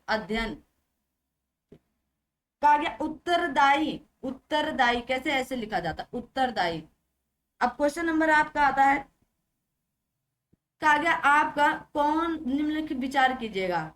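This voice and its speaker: A young woman teacher running an exam-prep grammar lesson, briskly drilling and repeating words and asking rhetorical questions. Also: high-pitched, a bit bright.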